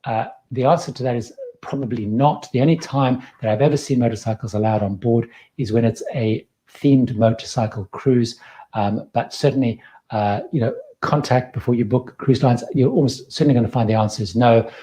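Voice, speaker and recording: Mellow fifties guy, slight zimbabwean accent, chatty rambling live q&a host. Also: mid-range voice, a little fast. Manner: chatty, advice-giving, loose and rambling. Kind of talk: live-stream Q&A chat.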